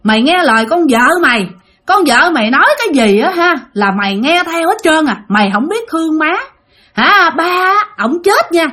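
A woman's voice: expressive, fairly quick, a bit bright. A woman with a Southern Vietnamese accent voicing the angry ghost of an older woman who scolds her family. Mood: furious scolding. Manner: shrill, scolding, accusing.

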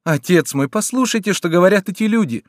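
A man's voice: high voice, lively intonation, a little fast, dry recording, clean studio sound, pitched above the performer's own voice. A man reading an audiobook who voices a young noblewoman imploring her father in an urgent, pleading tone.

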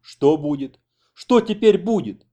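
A man voicing an agitated middle-aged village man who shouts and panics. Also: fairly high pitch, sing-song, normal speed, lo-fi sound, pitched above the performer's own voice. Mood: dismayed. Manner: frantic, shouting.

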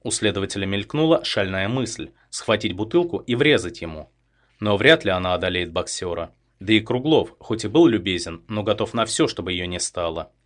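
Guy reading a thriller audiobook, lowish voice, steady and tense. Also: normal speed. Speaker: audiobook narrator.

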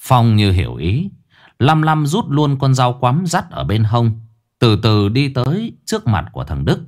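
A man's voice: medium pitch, big pitch swings, measured pace, a little mellow. Man telling a horror story. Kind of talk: scripted horror story narration.

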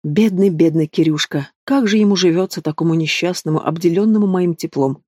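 A man's voice: on the high side, animated, fast talker, a little mellow, no echo, studio quality. A man voicing a young pregnant woman who answers her mother with bitter sarcasm, in an audiobook.

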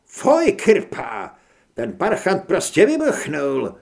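A man voicing an excited, blunt adult Finnish rifleman in an audiobook. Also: mid-range voice.

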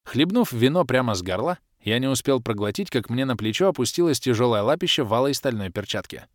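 A man reads a fantasy audiobook with animated storytelling. His pitch swings a lot, and the sound is dry and close to the mic. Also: fast talker, no room sound. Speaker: narrator. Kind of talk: audiobook narration.

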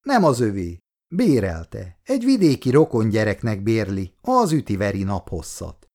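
A male reader voicing a mild, peacemaking elderly father who speaks softly. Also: on the low side, sing-song. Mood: explaining. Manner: soft, soothing. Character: gentle, peacemaking old father.

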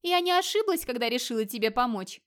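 A woman reading an audiobook, voicing a cheerful young Valkyrie woman in a bright, merry, lifted voice. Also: a little high, expressive, fast talker. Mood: pleased.

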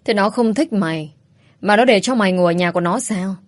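A woman's voice: medium pitch, dry recording, lightly acted. A woman doing a bossy scolding mother. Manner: scolding, brisk. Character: older mother, bossy, scolding, scheming matchmaker.

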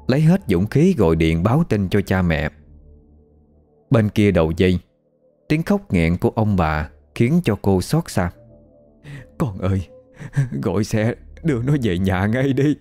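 A man narrating a scripted ghost story in an expressive storytelling manner. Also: on the low side.

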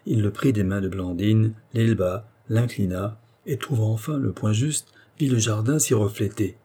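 Mellow, husky male storyteller. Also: lowish voice, normal speed. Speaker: narrator. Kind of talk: audiobook narration of a children's tale.

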